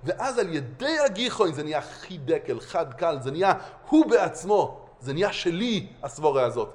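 Man, Torah lecture, high voice, very lively pitch. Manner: animated, emphatic, with many restarts. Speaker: rabbi.

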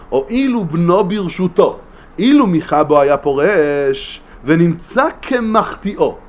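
A man giving a religious study lesson, animated, with emphatic rhetorical questions and frequent restarts. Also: on the high side. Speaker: Torah teacher.

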